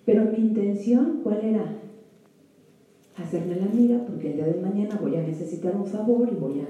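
A woman's voice: mid-range voice, brisk, dark tone, lo-fi sound. A woman teaching a Bible lesson to a women's group, often stopping to check that her listeners follow. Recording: echoey room, mic far off.

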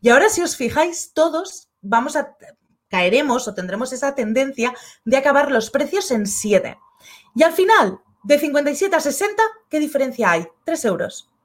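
A woman's voice: high voice, sing-song, normal speed. A woman with a Spain Spanish accent, hosting a casual live stream and reading out viewers' comments. She is chatty and acts out little everyday dialogues. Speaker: online course creator and live-stream host.

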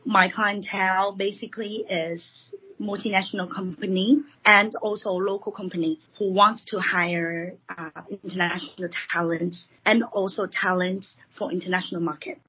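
A woman from Taiwan, a recruiting consultant speaking as a podcast guest, explaining at a measured pace with many fillers. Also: medium pitch, steady tone, slight background noise. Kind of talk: podcast interview. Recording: dull lo-fi podcast audio.

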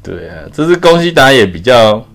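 A man reading a picture book aloud to a child at bedtime, chatty and gentle, stopping to ask questions. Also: medium pitch, sing-song, normal speed, gravelly.

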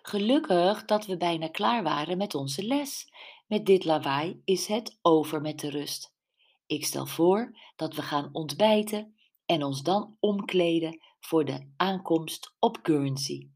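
A woman reading the lines of a calm, organizing yoga teacher in an audiobook. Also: deep voice, slow, exaggerated voice. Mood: brisk.

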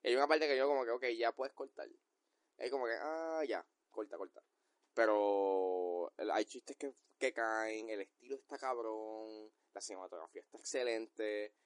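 Relaxed man reviewing films. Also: on the low side, normal speed, clean tone, no echo, studio quality. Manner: relaxed, mixes English slang into Spanish. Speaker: podcast co-host. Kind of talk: casual film review chat.

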